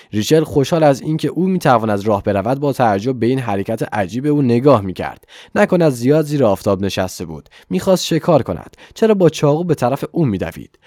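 A man narrating a story as a reader, with steady, measured delivery. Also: mid-range voice, dry recording, clean studio sound. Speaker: audiobook narrator. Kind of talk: scripted narration.

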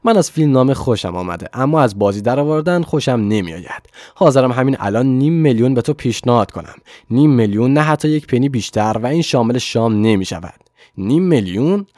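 A man narrating a novel as an audiobook, calmly quoting the characters in his own voice. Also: mid-range voice, dry recording, clean studio sound.

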